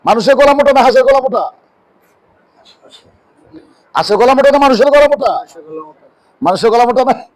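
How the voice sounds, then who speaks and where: A man preaching a sermon in a mosque. He asks rhetorical questions and answers them himself, and drops his voice low on key words. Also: animated, a little fast, pauses often, low-quality recording. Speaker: Islamic preacher.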